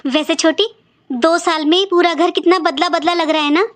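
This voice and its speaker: A woman voicing an elder married sister in a cartoon, calm and cautious, keeping the peace in a low, soothing, hushed voice. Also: normal speed. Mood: annoyed. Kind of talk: cartoon voice acting.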